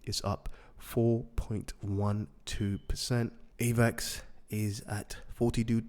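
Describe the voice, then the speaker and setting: A man with a raspy voice hosting a market update, repeating and rephrasing his points for emphasis. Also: lowish voice, darkish tone. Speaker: host of a daily crypto news show.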